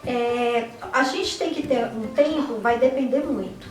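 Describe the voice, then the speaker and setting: A woman's voice: fairly high pitch, measured pace, reverberant, far from the mic, faint music behind. A Brazilian woman, a teacher, giving an online lesson to parents and teachers, posing questions and answering them herself, with frequent checks like "right?". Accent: Brazilian Portuguese. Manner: didactic, asks and answers her own questions, frequent "né?" and "tá?". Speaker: teacher and educator.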